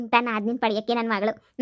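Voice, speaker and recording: A woman's voice: on the high side, dry recording, lo-fi sound. A woman voicing a poor old village mother who gushes with thanks in a cartoon comedy. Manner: gushing, blessing, fussing over gifts. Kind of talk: cartoon voice acting.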